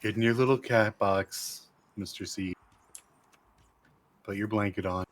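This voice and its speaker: A man's voice: on the low side, steady tone, measured pace. A man in a casual gaming stream chat who teases his friends with wisecracks. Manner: teasing, wisecracking. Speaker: stream co-host.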